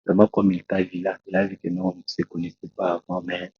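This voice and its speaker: A Congolese preacher, a man, tells his testimony in an interview, slowly and haltingly, with many restarts. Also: sits low, level tone, breathy edge, no echo. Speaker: preacher, guest. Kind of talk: testimony in a talk show interview. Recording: dull, lo-fi dry sound.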